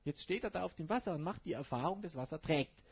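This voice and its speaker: Lively husky-voiced male preacher. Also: fairly high pitch, quick pace. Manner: colloquial, asks the congregation rhetorical questions. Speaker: pastor. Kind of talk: sermon. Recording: dull lo-fi recording.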